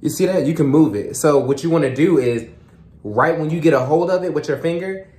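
A man's voice: a little high, fairly quick. A young man in his twenties chatting casually and expressively, walking viewers through a demonstration like a vlogger. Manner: playful, expressive, exclaiming. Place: small home bathroom, indoors. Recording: roomy bathroom echo, faint noise.

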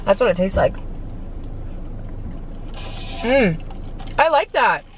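A woman's voice: medium pitch, big pitch swings, slow pace, a little hiss or hum. A young woman vlogging a casual mukbang, chatting between bites with her mouth full of chewy pearls.

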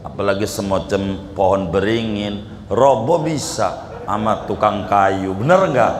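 A man with a Betawi Jakarta accent preaching a sermon in a colloquial, humorous way, swinging from loud outbursts to hushed asides. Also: fairly low pitch, measured pace, crowd noise. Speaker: Islamic preacher. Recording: echoey hall recording from a distance.

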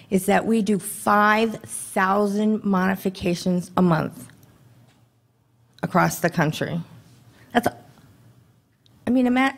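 Brisk woman presenting at a podium. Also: medium pitch. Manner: brisk, conversational, rhetorical questions to the audience. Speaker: government contracting presenter. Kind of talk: conference presentation. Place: dim conference hall. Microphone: podium microphone.

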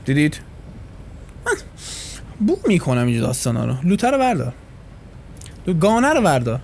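Joking, animated man streamer. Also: fairly high pitch, creaky, slight background noise. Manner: joking, playful, swears freely. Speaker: gaming streamer. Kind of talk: casual live reaction commentary.

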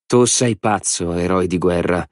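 A man's voice: sits low, unhurried, no room sound, clean studio sound. A man voicing a scornful defiant woman. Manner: scornful, taunting. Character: fierce defiant young woman captive.

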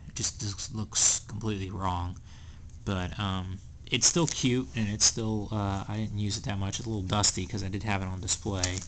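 A man's voice: lowish voice, fairly bright tone, a little hiss or hum. A young man in a small room at home, rambling and hesitant through a casual show-and-tell of his collection, with plenty of ums. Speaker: collector selling items.

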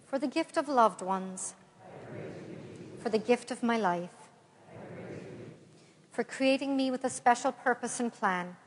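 An Irish retreat speaker in her forties gives a parish talk in a large church, her slightly high voice carrying a long reverb as a far camera in the pews records her. She addresses the mixed-age congregation in a lively, warm, friendly way, then slows into a measured reading of a prayer she leads.

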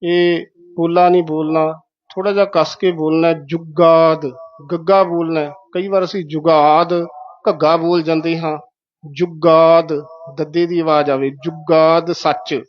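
Male recitation teacher, fairly high voice, repeats words slowly, muffled lo-fi sound. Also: steady tone. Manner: methodical, repeats words syllable by syllable. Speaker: Gurbani pronunciation teacher. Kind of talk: explaining correct recitation of scripture.

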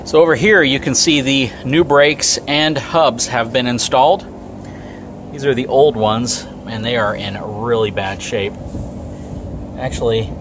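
A man hosting a vlog, upbeat and explaining a trailer project to viewers in a large RV service shop. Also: mid-range voice. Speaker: channel host. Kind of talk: casual vlog walkthrough. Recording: noisy shop background.

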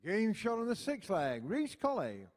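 High sing-song darts caller, man. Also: huge pitch swings, background noise. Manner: drawn-out sing-song score calls. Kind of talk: calling scores.

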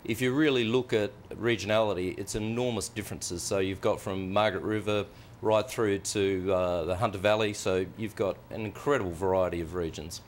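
A man's voice: fairly low pitch, fairly even intonation, brisk, a little hiss or hum. A man with an Australian accent, a guest winemaker talking in an easygoing, joking way in a studio interview. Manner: easygoing, laid-back, jokey.

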